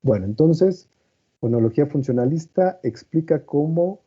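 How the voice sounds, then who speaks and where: In a muffled lo-fi recording, a male teacher patiently explains a lesson, often checking understanding with "¿no?" and "¿vale?". His voice is on the high side, animated and mellow with a slight roughness, at a normal speed.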